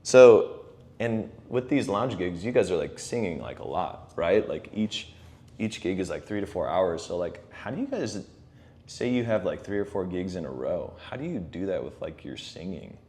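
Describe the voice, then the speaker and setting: A young man with a very low voice hosts a relaxed podcast conversation. He talks loosely, full of "like" and "um", and laughs easily between questions. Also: moderate pace, slight background noise. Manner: relaxed, many fillers and laughs. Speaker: podcast host. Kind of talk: casual interview chat.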